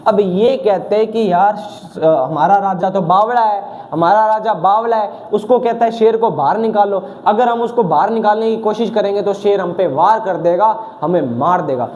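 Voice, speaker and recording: Male teacher, slightly sore throat, drills words with repeated questions, high pitch, soft dark tone. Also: moderate pace, hardly any pauses, highs cut off. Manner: asks questions and answers them himself, repeating key words. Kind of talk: exam vocabulary lesson with question-and-answer drilling.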